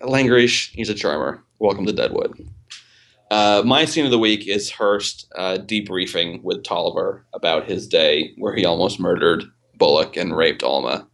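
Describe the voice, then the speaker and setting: A man's voice: low voice, normal speed, vocal fry, fairly bright tone. A man hosting a casual podcast chat, rambling with many fillers and restarts and swearing casually. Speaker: podcast host.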